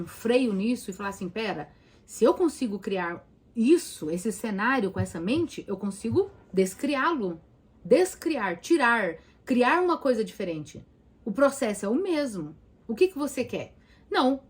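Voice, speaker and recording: A woman's voice: on the high side, a little mellow, breathy edge. A woman therapist with a Brazilian Portuguese accent, talking casually and emphatically to viewers and asking them direct questions. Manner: emphatic, speaks straight to the listener with rhetorical questions. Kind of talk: casual talk to viewers about anxiety.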